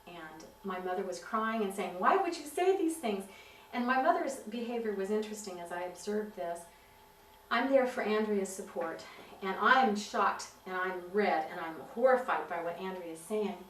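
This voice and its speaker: A woman giving personal testimony, telling her story in an earnest, halting way. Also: medium pitch. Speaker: witness giving filmed testimony. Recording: roomy, distant mic with faint hiss.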